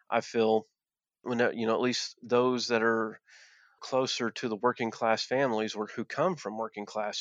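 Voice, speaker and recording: His voice on the low side yet fairly bright, a man from southwest Virginia's Appalachian country, formerly a coal miner, speaks earnestly in an interview. Words get restarted and repeated often, and the dry recording sounds dull and lo-fi.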